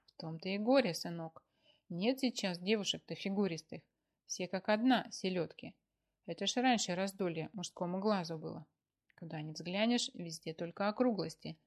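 A man's voice: high voice, normal speed. A woman voicing a blustering, folksy older husband in a read-aloud story. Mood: indignant. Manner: folksy, exclamatory.

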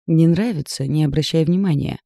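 Man reading as an arrogant brooding man, gruff and growling, gravelly, dark, audiobook character. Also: a little high, moderate pace, no room sound, clean studio sound. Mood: contemptuous. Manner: curt, growling, contemptuous.

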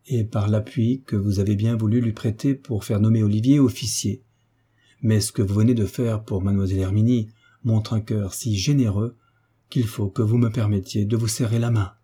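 A man's voice: fairly low pitch, steady tone, moderate pace, mellow, husky. A man reading as an earnest old naval officer.

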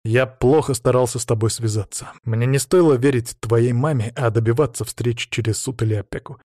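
A man's voice: mid-range voice, steady tone, a little fast, mellow, no echo, close to an everyday voice. A man reading the part of a remorseful, tender father in an audiobook, close to his own voice. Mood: rueful.

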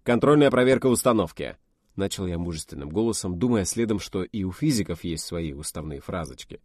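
A man narrating an audiobook in first person with expressive storytelling. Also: deep voice, fairly quick, breathy edge, no room sound, studio quality.

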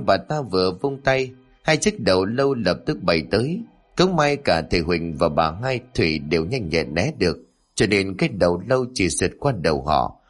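A man narrating a scripted horror story in a dramatic, measured way. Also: sits low.

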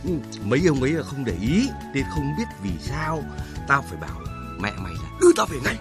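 An actor playing an excitable father who has just won the lottery. He shouts, scolds and bosses the family around in a radio comedy sketch. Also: medium pitch, brisk. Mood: excited. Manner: shouting, scolding, swinging from bossy to giddy. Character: excitable lottery-winning father, loud and bossy. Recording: music playing underneath.

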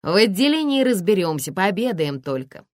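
A woman's voice: mid-range voice, very animated, normal speed, no echo, studio quality, voice pushed up, close to an everyday voice. A woman voicing a jovial, sly male police lieutenant colonel who mocks people in folksy banter. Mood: jovial mocking.

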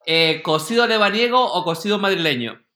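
A man's voice: sits high, animated, fairly quick, bright, forceful tone. A man co-hosting a casual podcast, firing off upbeat quiz-style questions. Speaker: co-host.

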